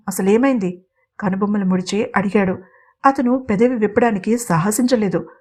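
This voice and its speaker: A woman hosting her channel and narrating a scripted audio family story in a steady, expressive way. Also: mid-range voice. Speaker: storyteller and host.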